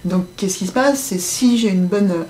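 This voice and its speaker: A woman's voice: mid-range voice, moderate pace, darkish tone, a little hiss or hum. A woman voice coach explaining how speech works, acting out example phrases in different tones as she talks. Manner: demonstrative, acts out example phrases in varied voices. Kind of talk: explanatory interview talk.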